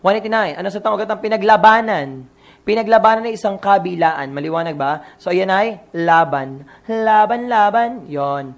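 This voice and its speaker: Gravelly Filipino-accented male teacher. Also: sits high, moderate pace, highs cut off. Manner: drills questions and answers, mixing in English. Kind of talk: exam review lecture.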